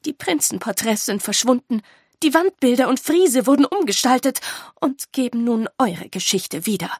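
A woman voicing a grave, measured old teacher. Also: a little high, expressive, darkish tone, breathy edge, dry recording, clean studio sound, pitched above the performer's own voice. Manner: measured, explaining, earnest. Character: calm, grave older female teacher.

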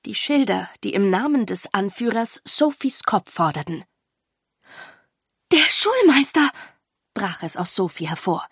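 A woman narrating a storybook audiobook in a clear, even way. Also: medium pitch, normal speed, few pauses, no room sound, studio quality.

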